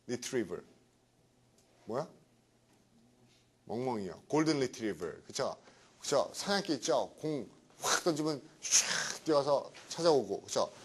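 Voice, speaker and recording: Middle-aged male lecturer, animated swooping delivery, chatty, constantly checking in with students. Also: mid-range voice. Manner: chatty, keeps asking "right?". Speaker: English vocabulary lecturer. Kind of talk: classroom lecture.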